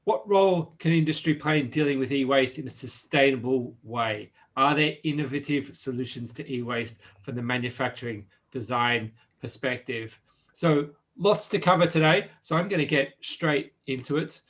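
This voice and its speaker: A man moderating a conference panel, setting out questions in a brisk, structured way. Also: medium pitch, fairly bright tone.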